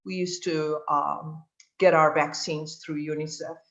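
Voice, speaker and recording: Older man from Tanzania, bright and steady-toned, dull lo-fi sound; earnest panel storyteller. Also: on the high side, unhurried. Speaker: doctor and panelist.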